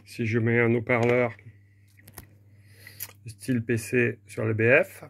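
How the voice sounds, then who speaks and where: Over a noisy background, a man slowly walks through a demonstration of old equipment, his medium-pitched delivery completely flat. He speaks informally and unscripted, explaining things plainly with some hesitation.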